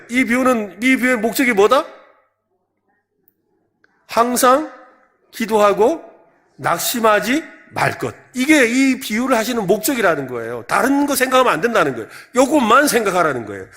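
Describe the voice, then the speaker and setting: A man's voice: high voice, animated, normal speed, fairly bright tone. A man with a Gyeongsang Korean accent preaching a sermon as senior pastor at a church service, quizzing the congregation with repeated questions.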